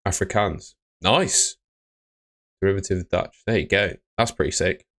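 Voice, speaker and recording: Reading out viewer comments at a measured pace, this young Bristol streamer speaks in a low, laid-back voice. He covers fantasy football from a small room indoors, chatting easily and responding to questions from his chat.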